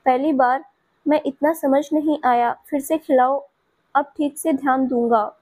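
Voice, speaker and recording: A woman voicing an affectionate, teasing young man who speaks gently and coaxingly. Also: high voice, fairly even intonation, a little slow, no echo.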